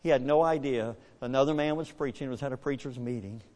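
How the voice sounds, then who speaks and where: Older male preacher, lively storyteller, loud swells and quiet drops, reverberant church hall. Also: fairly quick. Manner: animated, swings from hushed to booming. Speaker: pastor. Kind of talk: storytelling sermon.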